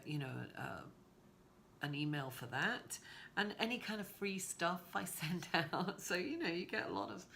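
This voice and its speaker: A low-voiced woman, raspy and hoarse with a cold, gives a tarot reading. She talks casually and wanders into informal asides. There is some faint noise in the recording. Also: fairly bright tone. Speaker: tarot reader giving a weekly horoscope reading.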